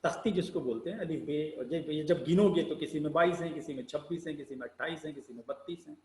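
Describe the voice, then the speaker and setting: A man teaching public speaking in a slow, deliberate lecture, asking rhetorical questions and spelling out sounds one by one. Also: fairly high pitch, darkish tone, roomy sound, rough recording. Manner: rhetorical questions, emphatic rises and sinking ends.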